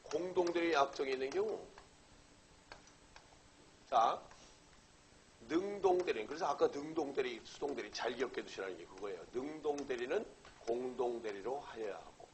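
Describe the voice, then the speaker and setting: A middle-aged man teaches a law class with a voice of ordinary pitch. He keeps asking the class questions, then answers them himself and checks that everyone follows. A faint background hiss runs under his voice. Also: lively intonation, moderate pace, long pauses, poor audio. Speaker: law lecturer. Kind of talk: exam-prep lecture.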